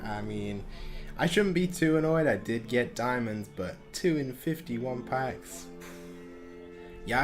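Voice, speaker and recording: Chatty young man commentating a card game. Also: lowish voice. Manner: chatty, self-deprecating, lots of ums and restarts. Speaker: gaming channel host. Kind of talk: casual gameplay commentary. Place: home room. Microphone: desk microphone.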